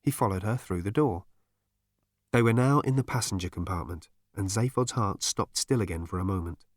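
A man reading a science fiction story aloud as a narrator, in measured storytelling. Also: on the low side, no echo, clean studio sound. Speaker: audiobook narrator. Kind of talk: scripted narration.

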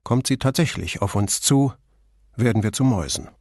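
A man reading an audiobook in measured, even scripted narration. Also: on the low side, dry recording, clean studio sound.

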